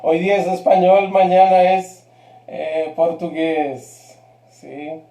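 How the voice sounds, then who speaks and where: A man's voice: on the high side, steady tone, slow, warm tone, roomy sound. A man teaching a live grammar lesson, patient and checking in often with his class. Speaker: Spanish teacher.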